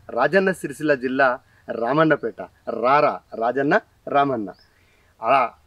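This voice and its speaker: A man with a Telangana Telugu accent hosting a talent show and interviewing a guest, energetic and promotional. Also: a little high, no room sound. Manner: energetic, promotional, frequent mm-hm backchannels. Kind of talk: casual interview.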